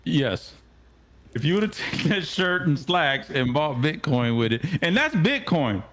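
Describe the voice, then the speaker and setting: Lively halting man, guest on a stream. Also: fairly high pitch, slight background noise. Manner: halting, fillers and restarts. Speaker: guest co-host. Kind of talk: casual finance chat.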